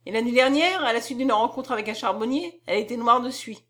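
A reckless, impassioned young gentleman who blames himself for every harm, as a woman reads him. He jokes to dodge trouble, then speaks with fire. The voice sits a little high. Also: fast, lightly acted. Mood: joking, evasive. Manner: impassioned, tries to joke it off. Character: reckless, self-reproaching young nobleman.

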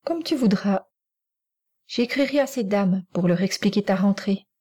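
A woman's voice: medium pitch, animated, measured pace, dark tone. A firm, stern mother, as a woman reads her. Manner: firm, curt. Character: stern but loving mother. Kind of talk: audiobook character reading.

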